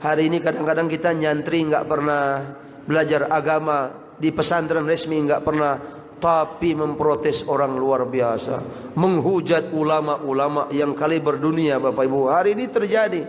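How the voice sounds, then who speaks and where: A male Islamic preacher giving a sermon, constantly addressing his audience as sir and madam. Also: sits high. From Indonesia. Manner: addresses the audience constantly as Pak and Bapak Ibu. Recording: hall reverb with faint noise.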